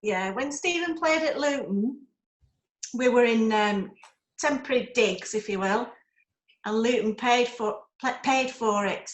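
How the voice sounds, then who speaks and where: Older lady telling a funny story on a video call, highish voice, echoey room. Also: measured pace. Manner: chatty, amused storyteller.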